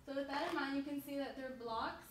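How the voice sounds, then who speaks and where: A woman's voice: sits high, fairly quick, noisy background. A young woman student giving a casual, filler-heavy speech to her class. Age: young adult. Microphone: far camera. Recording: echoey classroom, distant from camera.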